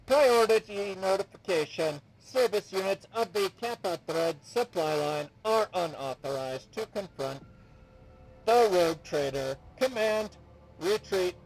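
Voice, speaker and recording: A man voicing a cold robotic machine servitor unit with a metallic, clanging voice and slow, procedural delivery. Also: high-pitched, animated, voice pushed up, poor audio. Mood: alarmed. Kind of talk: reading game dialogue aloud.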